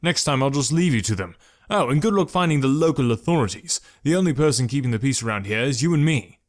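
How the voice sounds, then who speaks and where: A man voicing a calm, curt young male archer in an audiobook, speaking dry and clipped. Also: mid-range voice, quick pace, no echo, voice pushed up, lightly acted. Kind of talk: audiobook character voice.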